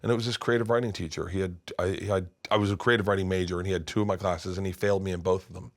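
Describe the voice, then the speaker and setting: Brief: man in his fifties, lowish voice, lively storyteller who drops to a hush when quoting people. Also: rapid-fire. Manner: animated, swings from loud to hushed when quoting people. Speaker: interview guest, comedian. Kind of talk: candid storytelling in conversation. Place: his studio.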